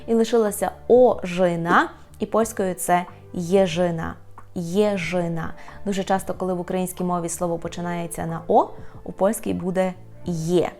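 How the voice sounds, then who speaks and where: Жінка-викладачка польської мови, яка пояснює слова й повільно, чітко повторює кожне кілька разів. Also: female voice, on the low side, fairly even intonation, a little mellow, soft background music. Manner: repeats each word slowly and clearly. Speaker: Polish language teacher. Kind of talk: vocabulary lesson with repetition.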